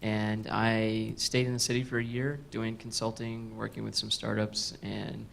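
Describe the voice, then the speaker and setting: Gravelly flat-voiced man with faint rumble. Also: measured pace. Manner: joking, loose. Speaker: panelist, fellow. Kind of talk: panel self-introduction.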